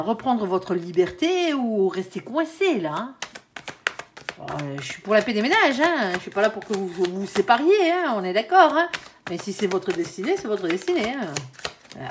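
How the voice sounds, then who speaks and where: A tarot card reader gives viewers a chatty, reassuring reading, often tagging her sentences with "hein" and occasionally stumbling over words. Her voice is mid-range, with a little hiss or hum in the recording.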